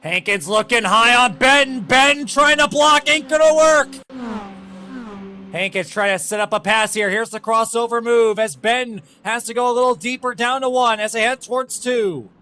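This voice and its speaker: A man giving live play-by-play as a motorsport commentator, calling the action in excitable, clipped phrases. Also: very high voice, moderate pace, hardly any pauses, a little hiss or hum. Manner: excitable, clipped running calls.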